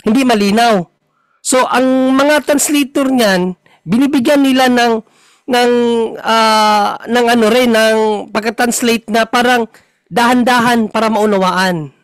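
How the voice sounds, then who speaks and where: A man hosting a talk and explaining Bible verses patiently, slowing down to read passages. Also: very high voice, no room sound, rough recording. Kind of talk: conversational Bible teaching.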